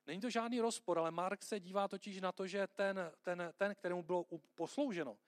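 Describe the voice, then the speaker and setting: A man's voice: sits high, steady tone, no room sound, clean studio sound. A man preaching a sermon in a conversational way, often checking in with the listeners. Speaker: pastor.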